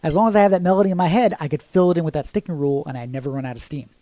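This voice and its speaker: A man with a rather high voice talks very fast in a dry recording, giving a casual drum lesson. He explains ideas in a relaxed, chatty way and sings the accent rhythms as "ta" syllables.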